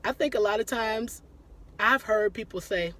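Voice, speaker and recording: A woman's voice: a little high, normal speed, fairly bright tone. Chatty leaning woman hosting a live stream. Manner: laughs often, greets viewers by name mid-talk. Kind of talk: casual live-stream chat answering viewer questions.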